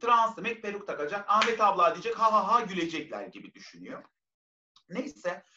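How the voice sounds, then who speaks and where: A woman guest in an interview, telling anecdotes in an animated way. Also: mid-range voice, brisk, noisy background. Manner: lively, acts out others' voices in anecdotes. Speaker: guest actress. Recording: roomy, dull lo-fi sound.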